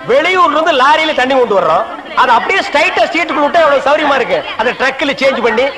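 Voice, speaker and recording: A man's voice: very high-pitched, lively intonation, rapid-fire. A man acting in a film comedy scene, bossing others around with sarcasm. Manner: bossy, sarcastic talk. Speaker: comic actor in a film scene. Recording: crowd and street noise behind.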